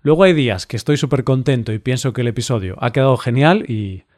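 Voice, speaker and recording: Slow-spoken man co-hosting. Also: medium pitch, darkish tone. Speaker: podcast co-host. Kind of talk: casual podcast chat.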